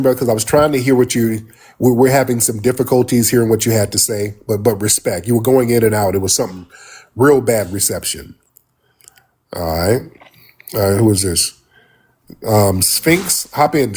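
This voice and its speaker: A man's voice: medium pitch, darkish tone, breathy edge. A man hosting a casual livestream call-in, laid-back and chatty, calling guests "dear" and "brother". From California. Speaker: livestream host. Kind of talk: casual live chat with callers.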